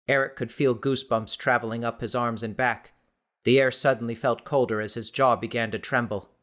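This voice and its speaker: A male audiobook narrator reading a suspenseful story. His delivery stays steady and measured throughout. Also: medium pitch. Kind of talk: scripted narration.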